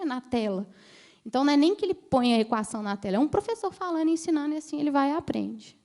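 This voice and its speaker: A woman's voice: fairly high pitch, warm tone. A woman, telling patient stories in a chatty way during a conference talk. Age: 30s. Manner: chatty storytelling, addresses the audience directly. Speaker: ophthalmologist giving a conference talk.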